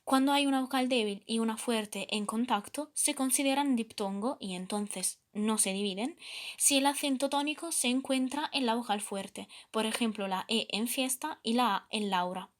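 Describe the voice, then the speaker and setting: A woman with a somewhat high voice presents a scripted grammar lesson. She reads in a measured, even way and slows down deliberately to spell out each example word. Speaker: student presenter.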